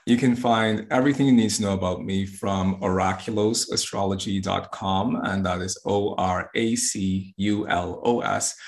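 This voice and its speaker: The guest, a deep-voiced astrologer and yoga teacher from the Bahamas, speaks with earnest sincerity in a casual interview, often starting his words over.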